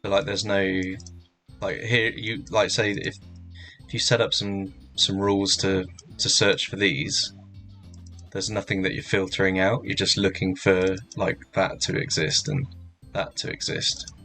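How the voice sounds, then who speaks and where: Gravelly low-voiced man rambling on a stream. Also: flat delivery, sharp tone, faint music behind. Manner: rambling, halting, lots of "like" fillers. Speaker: streamer walking through a hacking challenge. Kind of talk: casual livestream commentary.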